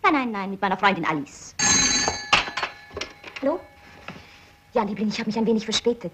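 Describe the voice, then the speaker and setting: An actress plays a headstrong, cheeky young daughter in a 1960s film comedy. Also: female voice, medium pitch, lively intonation, moderate pace, heavy background noise, natural voice.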